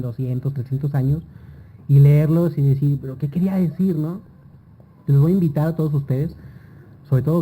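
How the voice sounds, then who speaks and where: Male book-launch presenter, dark mellow voice, persuasive and direct, faint background noise. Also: mid-range voice, rough recording. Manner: warm, persuasive, talks straight to the audience. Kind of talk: promotional talk at a book launch. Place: festival event before a live audience.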